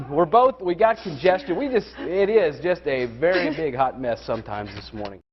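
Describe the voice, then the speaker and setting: A man with a slightly high voice ad-libs a live TV forecast. He keeps trying to hold down giggles that slip into his speech. The sound is a little dull and lo-fi. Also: big pitch swings, a little slow, creaky. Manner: stifling giggles, chuckling through his words. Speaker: TV weather presenter.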